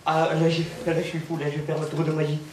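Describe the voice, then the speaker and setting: A man doing a stand-up comedy routine as a naive, deadpan village simpleton, tagging his lines with "hein". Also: a little high, fast. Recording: roomy, noisy recording from far off.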